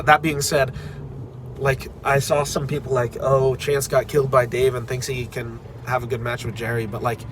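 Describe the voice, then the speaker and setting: A young man, an arm wrestler streaming a live recap, rambles casually through viewer comments while stuffy with a cold. His medium-pitched voice has a fairly bright tone over slight background noise, and he's candid and heavy on filler words.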